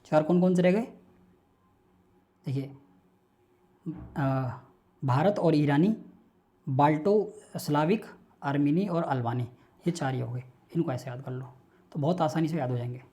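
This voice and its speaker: Teacher running an online class, warm mellow voice, chants lists over and over so they stick. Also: medium pitch, unhurried, pauses often. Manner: drills lists by rhythmic repetition; patient, coaxing student address.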